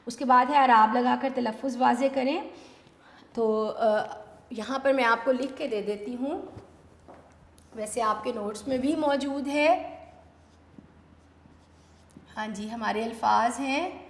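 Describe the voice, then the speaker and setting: A woman teacher leads an online exam-prep lesson, calling students "beta" and asking and answering her own questions. Her voice sits a little high. The sound is roomy, with a long hall echo. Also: long pauses. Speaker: Urdu teacher.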